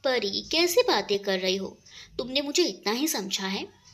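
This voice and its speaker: Romantic young guy, earnest and sweet, woman reading him in a high lively voice. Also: unhurried, heavily acted.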